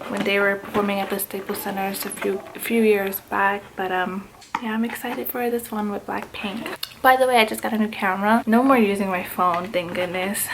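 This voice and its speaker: A woman with a slight lisp from wearing retainers, chatting casually and excitedly to viewers in an unboxing vlog. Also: medium pitch, gravelly, a little hiss or hum, poor audio. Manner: informal, excited, addressing viewers as guys. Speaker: vlogger.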